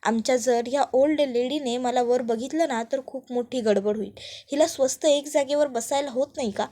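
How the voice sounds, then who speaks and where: A woman's voice: high voice, moderate pace, warm tone, close to an everyday voice. A woman voicing a sly scheming young woman. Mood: anxious scheming. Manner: sly muttered asides.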